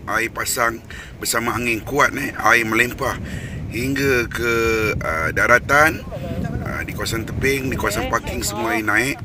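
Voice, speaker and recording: A man's voice: lowish voice, noisy background. A man in his forties with a Malaysian Malay accent, vlogging casually outdoors at a beach campsite into a phone held at arm's length, hesitant with many fillers. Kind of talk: casual vlog narration.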